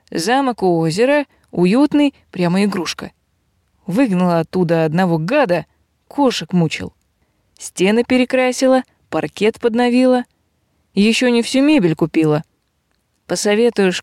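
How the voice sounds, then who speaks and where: A woman reading an audiobook, voicing an impulsive, loud young female robber chief with a high, excitable, scolding voice. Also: no room sound, clean studio sound, natural voice.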